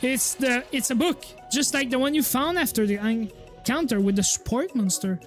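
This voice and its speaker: A woman's voice: fairly high pitch, normal speed, faint music behind. A woman streamer reading a visual novel aloud in a playful way and laughing often.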